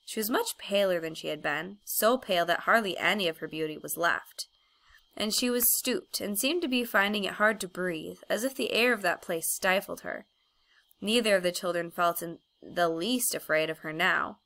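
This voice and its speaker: Female audiobook narrator, bright tone, expressive measured storytelling. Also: on the low side, creaky. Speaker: audiobook reader.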